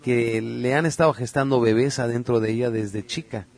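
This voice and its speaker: A man's voice: mid-range voice, fairly even intonation, moderate pace, darkish tone. A man, talking earnestly on a podcast, telling stories with many filler sounds. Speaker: podcast guest speaker on religion and UFOs. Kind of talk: casual podcast talk.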